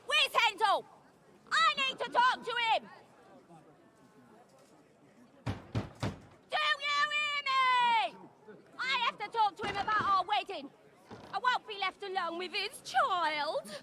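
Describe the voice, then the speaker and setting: An actress voicing a brash, crude woman making a public scene in a video game, loud and melodramatic, with a shrill shriek. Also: very animated, measured pace, heavy background noise, exaggerated voice. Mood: shrill, demanding. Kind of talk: theatrical video game acting.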